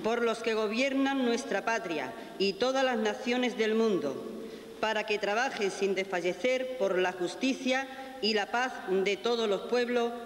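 A man reading the prayers of the faithful at Mass in a formal, steady way, heard with a booming church echo. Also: unhurried. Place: large church, indoors. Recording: echoey church hall with hiss.

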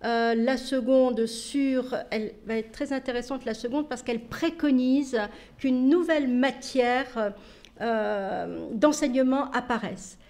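A woman researcher giving a conference talk in a halting way, repeating words as she searches for them. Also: fairly high pitch, mellow. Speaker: researcher presenting her project. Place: university lecture hall.

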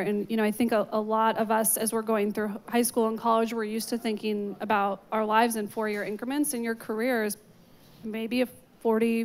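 A young woman on a panel speaking in a relaxed, reassuring way into a handheld mic. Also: fairly high pitch. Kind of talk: panel discussion. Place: large atrium stage with audience.

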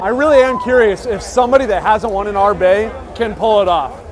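Crowd chatter and music surround a young vlogger in his twenties at outdoor stadium golf bays on a rainy night. Filming himself on an action camera at arm's length, he offers excited running commentary with loud outbursts in a high-pitched voice at a slightly fast pace.

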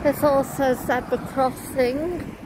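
A woman, chatting slowly as she points out shops on a walking tour, recorded outdoors on a camera mic. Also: high-pitched, steady tone. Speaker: vlogger. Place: outdoors on town streets. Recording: loud wind and traffic noise.

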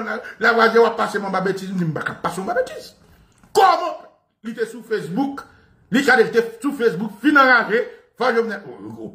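A man giving animated, satirical commentary, mocking as he talks, laughing often and imitating bangs and gunshots. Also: sits high. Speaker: online commentator. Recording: echoey room.

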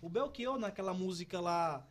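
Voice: a man in his thirties with a high-pitched voice, a guest speaking in a casual podcast interview. He talks with animated energy, often stumbling and restarting his sentences. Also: moderate pace. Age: 30s. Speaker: cordel poet guest.

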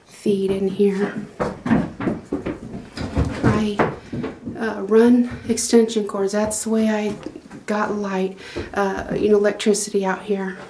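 The recording, from a handheld phone camera, is very noisy. A middle-aged woman with a medium-pitched voice gives a rambling, homespun walkthrough of her small wooden goat barn, with plenty of fillers and restarts.

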